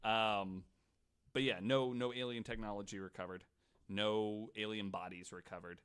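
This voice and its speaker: Telling a story on his casual podcast, this host speaks at normal speed in a fairly low, smooth, fairly bright voice with fairly even intonation. Swearing comes easily to him, and "like" and "right" keep popping up.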